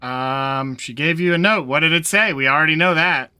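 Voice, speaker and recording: A man's voice: on the high side, normal speed, sharp tone, smooth, dry recording. A man doing casual gameplay commentary, reading dialogue choices aloud as he plays. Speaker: video game streamer playing through a game.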